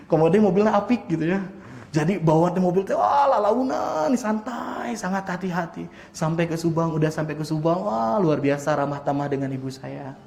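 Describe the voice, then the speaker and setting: A man, an Islamic preacher telling personal stories during a mosque study talk, animated and acting out voices as he goes. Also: fairly high pitch, brisk, creaky. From West Java, Indonesia. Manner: animated storyteller who acts out voices and laughs often. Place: mosque hall. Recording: roomy mosque echo.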